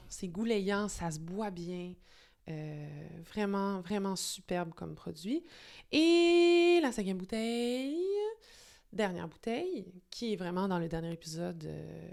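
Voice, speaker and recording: A woman's voice: on the low side, gravelly, darkish tone. A young woman with a Québécois French accent, hosting a casual wine review to camera, enthusiastic and chatty with many fillers and restarts. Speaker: wine show host.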